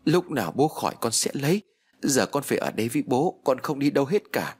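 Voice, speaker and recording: A man's voice: lowish voice, big pitch swings, moderate pace, husky, soft background music, exaggerated voice. A man voicing a grieving young woman at her father's bedside, tearful and pleading.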